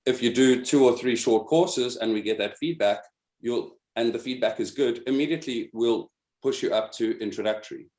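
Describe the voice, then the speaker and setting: A man with a mid-range, slightly mellow voice speaks at a normal pace in a roomy-sounding space, picked up by a video call microphone. He leads an online meeting of instructors, patiently walking them through a program step by step and often repeating words while searching for the right ones.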